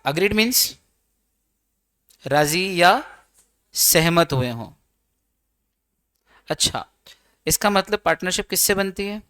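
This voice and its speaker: Man teaching law to exam kids, kinda high bright voice, jokey and chatty. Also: no echo, studio quality. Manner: chatty and teasing, mixing English terms into explanations. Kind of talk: online exam-prep lecture.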